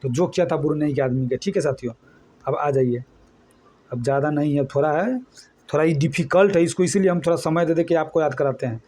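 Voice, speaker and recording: A man's voice: a little high, a little fast, mellow. A man from eastern India, teaching an exam-prep lesson with memory tricks. He talks colloquially and keeps quizzing his students.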